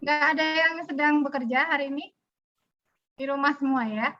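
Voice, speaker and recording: A woman's voice: sits high, fairly even intonation, fairly quick, a loud crowd. A woman teacher from Indonesia giving students a casual, chatty briefing on a video call, with loose phrasing and frequent restarts. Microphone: video call audio. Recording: muffled video call audio.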